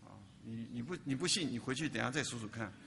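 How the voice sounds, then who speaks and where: A man's voice: medium pitch, fast, gravelly, a bit bright, big-room sound, a little hiss or hum. A man preaching a sermon as a pastor, often asking the congregation questions and repeating words for emphasis.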